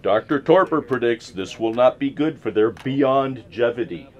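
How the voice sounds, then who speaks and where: A man playing a mock-solemn horror host, with a deliberate, theatrical delivery in scripted comic reviews. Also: medium pitch, lively intonation, dull audio, lightly acted. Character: Dr. Torpor, theatrical horror host commenting on old films.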